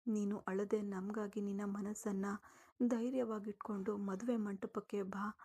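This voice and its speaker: A woman's voice: mid-range voice, flat delivery, measured pace, mellow, husky. Woman doing an earnest, persuading father.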